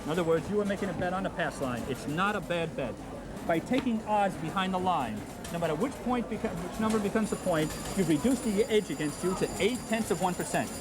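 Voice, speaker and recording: A man's voice: sits high, lively intonation, fairly quick. A man teaching craps odds in an instructional video, patiently drilling the numbers and checking in with "okay?", heard from a worn VHS tape copy. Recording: music underneath, old tape copy.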